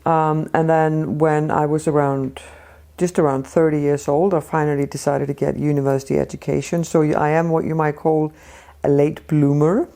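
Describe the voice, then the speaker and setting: A woman in her fifties with an Icelandic accent, speaking as an interview guest in a measured way, with frequent ums and restarts. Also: deep voice, flat delivery, warm tone. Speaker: guest, Arctic policy expert. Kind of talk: casual interview talk.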